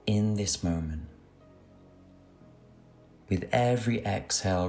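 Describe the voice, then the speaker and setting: With soft music beneath him, a man leads a meditation in a low, creaky-edged voice. His delivery is very slow and soothing as he offers gentle instructions.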